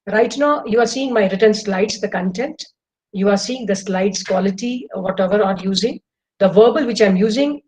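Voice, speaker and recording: A middle-aged woman with an Indian English accent, appearing as a guest speaker, gives an enthusiastic webinar talk to students over a video call. She lectures in a lively way with demonstrations, her voice medium-pitched on a rough recording.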